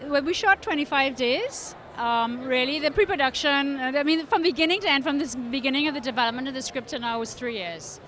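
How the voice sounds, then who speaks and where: A woman's voice: high voice, fairly bright tone. A middle-aged woman with a Trinidadian accent, a film producer answering questions on a red carpet, full of restarts and fillers. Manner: halting, many restarts and fillers. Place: outdoor red carpet event.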